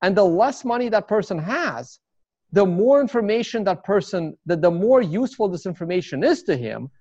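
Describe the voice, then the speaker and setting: A native Russian speaker from Russia, with a Russian accent, gives casual interview talk as a guest, rambling with fillers and restarts. His high voice is expressive and warm, at a moderate pace. The recording is dry, slightly dull, and echo-free.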